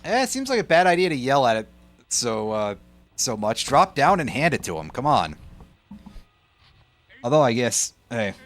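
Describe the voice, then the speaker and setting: A man's voice: medium pitch, big pitch swings, moderate pace, pauses often, fairly bright tone, faint music behind. A man giving casual let's play commentary, sarcastic and swearing as he complains about the game. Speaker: gaming commentator.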